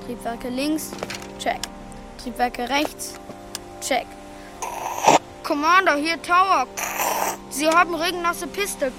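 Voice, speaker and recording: A woman's voice: high voice, slow pace, long pauses, over music. A woman voicing an imaginative, stubborn young schoolboy in a film. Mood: playful. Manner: plays pilot games, earnest.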